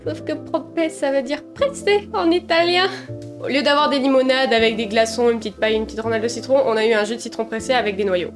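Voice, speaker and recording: High-voiced young woman telling stories. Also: fast talker, faint music behind. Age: young adult. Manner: animated, self-mocking, chatty. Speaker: vlogger. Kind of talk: casual storytime.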